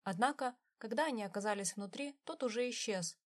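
A woman's voice: on the high side, fairly quick. Woman narrating an audiobook.

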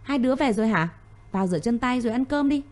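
A woman voicing a frail, loving old father in an audio story. She speaks in her own mellow voice, warm and earnest. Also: a little high, expressive, fast talker, close to an everyday voice. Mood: tender urging.

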